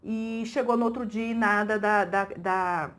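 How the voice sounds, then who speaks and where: A Brazilian woman from her own channel, telling a testimony story and acting out the quoted voices with rising excitement. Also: mid-range voice, measured pace. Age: middle-aged.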